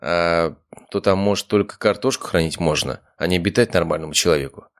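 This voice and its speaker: A man's voice: sits low, fairly quick. A man reading an audiobook voices the ghost of a blunt, joking Soviet-era man.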